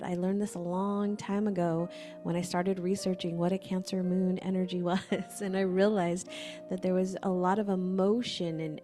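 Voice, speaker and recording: A woman facilitator giving gentle, conversational instructions for a breathwork session, often saying "like". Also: mid-range voice.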